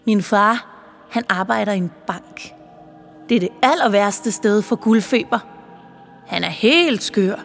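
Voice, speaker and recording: Unhappy young boy read by a woman, fast complaining talk, storybook, hall reverb, faint music. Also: medium pitch, creaky, fairly bright tone.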